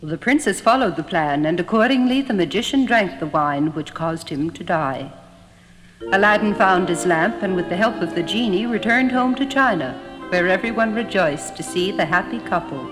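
A woman narrating a fairy tale in a measured storytelling manner. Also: fairly low pitch, lively intonation, lightly acted. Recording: echoey hall, music behind.

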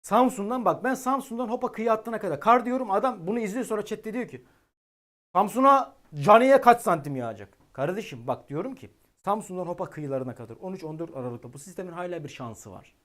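A man giving live-stream weather commentary, excitable and exasperated, talking directly to his chat. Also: high-pitched, fast talker.

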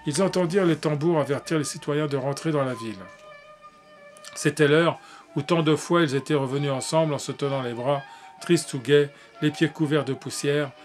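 Man reading a classic tale aloud. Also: a little high. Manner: measured, with small slips and restarts. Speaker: narrator.

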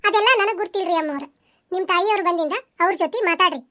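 A woman's voice: extremely high pitch, fast talker, sharp tone. A woman voicing a loyal young village maid in a cartoon, firm and respectful, with a North Karnataka Kannada accent. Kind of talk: cartoon voice acting.

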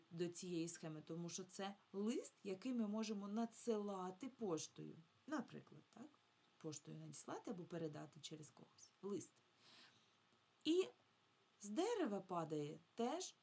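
A woman teaches young children to read in a slow, patient lesson. Her voice sits low and a little husky. She stretches out each sound and syllable so the class can follow. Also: a little mellow. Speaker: primary school teacher.

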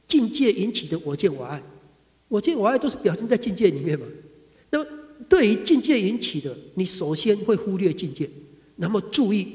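A man with a Taiwanese Mandarin accent giving a Buddhist sutra lecture, talking conversationally and acting out everyday quarrels. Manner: animated, acts out quarrels with sudden high bursts. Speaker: Buddhist dharma teacher. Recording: reverberant hall.

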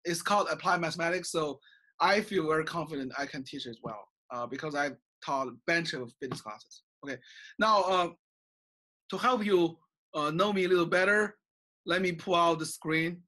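Lecturing to his online class from a small bookshelf-filled office, a middle-aged college professor from China speaks through his desk webcam with a Chinese accent. His slightly high, sharp voice moves at a moderate pace on a rough recording, full of "okay?" and "uh" as he gestures.

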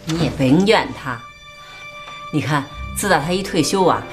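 A soothing, low-voiced mother-in-law. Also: expressive, normal speed, over music. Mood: placating. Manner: coaxing, placating. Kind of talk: TV period drama acting.

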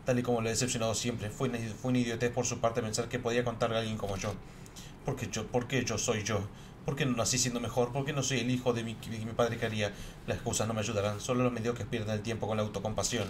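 A man's voice: medium pitch, fairly even intonation, fast, background noise, lightly acted. A man reading out a self-loathing boy's diary from a game in a bitter, self-reproaching tone. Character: self-loathing boy striving for his father. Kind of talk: reading game text aloud.

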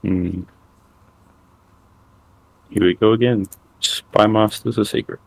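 A man's voice: on the low side, steady tone, slow, vocal fry, husky, no room sound. A man calling out his moves as the opponent in a card game, terse, dry and matter-of-fact.

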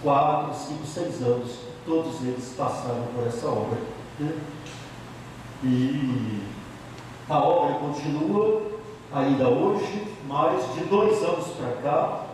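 Speaking into a handheld mic in an office meeting room, a middle-aged Bahian priest recounts his life story to a group with emphasis, repeating key phrases in his Bahian Portuguese accent. His mid-range voice is a little mellow, and the far-off camera captures an echoey room with slight background noise.

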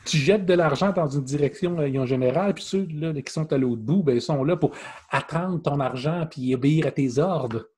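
A man's voice: on the high side, moderate pace, slightly rough. A man in his thirties with a Québécois French accent, giving opinionated commentary as a podcast co-host. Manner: animated, opinionated commentary, direct address to listeners. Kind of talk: casual podcast chat. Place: room with brick wall indoors. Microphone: over-ear headphones with webcam, video call.

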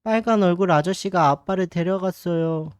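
A man's voice: high voice, moderate pace, clean tone, no room sound, clean studio sound, lightly acted. A man reading the game lines of a frightened young child who begs his parents to stop. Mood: anxious.

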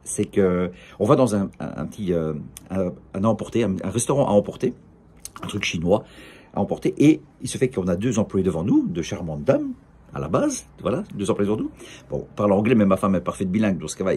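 Middle-aged Belgian man, chatty vlogger, dark mellow tone, jokey and rambling. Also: fairly low pitch, big pitch swings, fast talker, husky. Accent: Belgian French. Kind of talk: casual direct-to-camera monologue. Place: outdoor café terrace.

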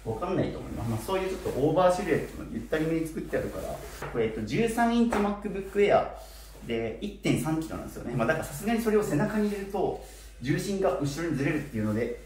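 Chatting casually to camera, a vlogger in his twenties from Kitakyushu, Japan speaks with slightly slurred articulation, as though he's wearing a mouthguard. His voice is fairly high, sing-song, fast and darkish in tone. The camera sits a short distance away in a small, bare apartment room, giving a roomy echo with faint noise.

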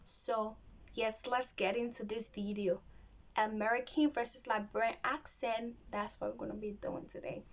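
A woman's voice: on the high side, steady tone, normal speed, lo-fi sound. A young woman, talking casually to camera as a vlogger hosting her own channel. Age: young adult. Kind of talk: casual direct-to-camera vlog talk.

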